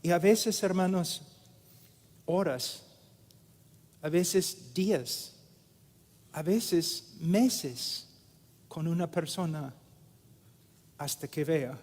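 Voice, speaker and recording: A man preaching a sermon in a slow, deliberate way with many pauses. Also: a little high, darkish tone. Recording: echoey hall with long reverb.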